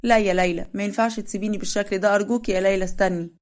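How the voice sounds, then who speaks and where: A woman's voice: medium pitch, fairly even intonation, racing, natural voice. A woman voicing a grieving mother with an Egyptian accent, tearful and pleading. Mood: desperate.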